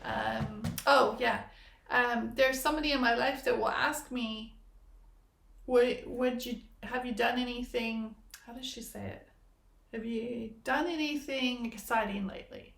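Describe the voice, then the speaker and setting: A woman's voice: on the high side, steady tone, a little slow, creaky, fairly bright tone. A woman hosting a podcast, musing in reflective spiritual chat and playing on the meanings of words. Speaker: podcast host. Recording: echoey room.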